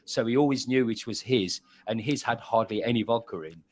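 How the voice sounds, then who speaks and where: A man, a pub and bar owner, chatting as a guest and telling animated stories, often repeating words. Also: mid-range voice, brisk. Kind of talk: casual chat.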